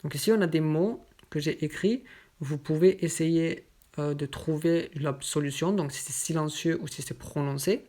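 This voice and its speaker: A woman teaching French pronunciation, explaining each example word patiently and saying it slowly and carefully. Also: low voice, warm tone. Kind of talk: slow explanatory lesson.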